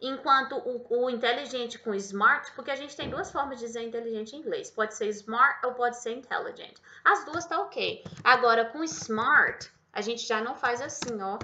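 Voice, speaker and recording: Bright-voiced woman teaching English. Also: a little high, a little hiss or hum. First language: Portuguese. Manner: explains slowly, repeats words, checks in with "tá?". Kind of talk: casual online English lesson. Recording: dull lo-fi sound.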